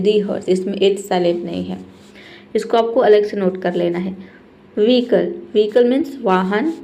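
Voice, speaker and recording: A woman's voice: mid-range voice, mellow. A woman teaching an English spelling lesson, explaining patiently and repeating each word, often checking in with her students.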